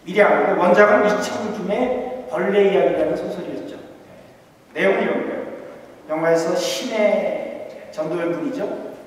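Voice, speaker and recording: A male pastor preaching a humorous sermon, quizzing his congregation and swinging between emphatic lines and quiet asides. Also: high voice, normal speed. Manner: humorous, asks the congregation questions. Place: church sanctuary. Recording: echoey church hall, distant mic.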